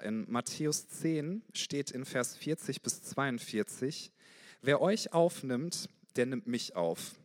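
A man preaching a sermon with passion, swinging between loud exclamations and soft, intimate passages. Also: mid-range voice. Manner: passionate, gets loud, then drops to soft intimate tones. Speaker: guest preacher.

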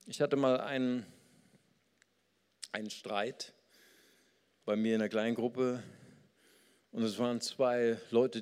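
A man preaching a sermon as pastor, lively and storytelling, slowing down to stress key words. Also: mid-range voice, in a large hall.

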